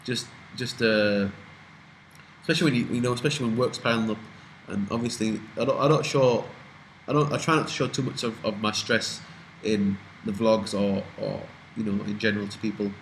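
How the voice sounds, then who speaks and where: Young british guy, twenties, lowish voice, casual rambling chat, swears a lot, faint hiss. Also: fairly even intonation, brisk, rough recording. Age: 20s. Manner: rambling, swears freely, trails off and restarts. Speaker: vlogger answering viewer questions.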